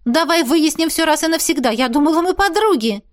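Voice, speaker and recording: A woman's voice: sits high, lively intonation, pitched above the performer's own voice. A woman reading an audiobook, voicing a pushy, jealous young woman who studies magic and talks with an indignant, prying edge. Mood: heated. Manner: indignant, prying, quick to raise her voice. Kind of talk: audiobook character voice.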